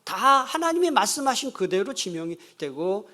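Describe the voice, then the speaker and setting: A man's voice: sits high, very animated, normal speed, fairly bright tone. Man preaching a joking family sermon. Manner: humorous storytelling, asking the congregation questions. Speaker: pastor. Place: church sanctuary.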